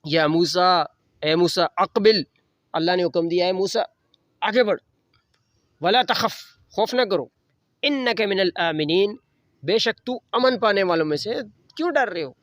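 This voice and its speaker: A man teaching a religious lesson. He recites Arabic verses slowly and then explains them in Urdu. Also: high-pitched, a bit bright, no echo, studio quality. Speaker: Quran teacher.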